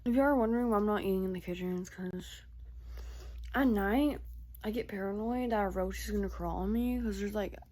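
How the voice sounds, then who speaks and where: A woman's voice: mid-range voice, fast talker, few pauses, darkish tone. A woman vlogging casually late at night from her bedroom while eating, grumbling and swearing a lot, sometimes dropping to a whisper. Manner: profane, grumbling, drifting into whispers.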